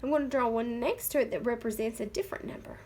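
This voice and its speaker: A young woman teaching kindergarten phonics, sounding out letters slowly and praising the children. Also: on the high side, a little mellow. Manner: slow, encouraging, sounds out letters.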